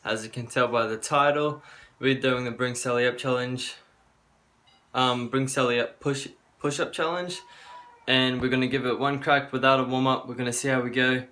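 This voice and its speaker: Young man, fitness vlogger at home, casual chat to camera, medium-pitched with little variation. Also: steady tone, moderate pace, pushed and bright. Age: young adult. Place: small carpeted room at home, indoors.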